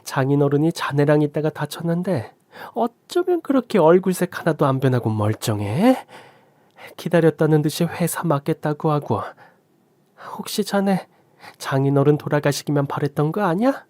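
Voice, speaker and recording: Guy doing an angry mom-in-law, high and loud, accusing. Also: expressive, moderate pace, no room sound, lightly acted. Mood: outraged, accusing. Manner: shrill, reproachful, scolding. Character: middle-aged mother-in-law, outraged and accusing.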